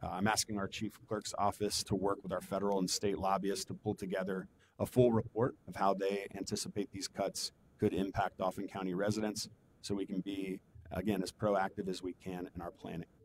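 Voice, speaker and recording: A man in the role of a county commissioner, giving measured, official remarks from notes at a formal public meeting. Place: government meeting room. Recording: noisy public meeting room with low rumble.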